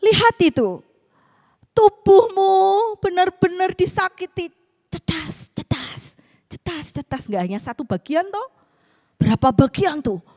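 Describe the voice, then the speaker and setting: A woman voicing a gentle little spinach plant. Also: very high voice, animated, a little slow, voice pushed up, heavily acted. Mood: pitying. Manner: gentle, pitying, earnest. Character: small, gentle spinach plant, caring and honest. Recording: reverberant church hall.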